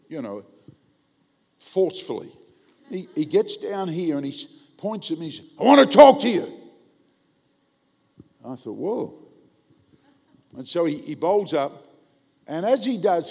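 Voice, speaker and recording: A man preaching a humorous sermon, telling a story with acted-out quotes and sudden loud bursts. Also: a little high, long reverb tail. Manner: animated, comic, acts out quotes with big jumps in loudness.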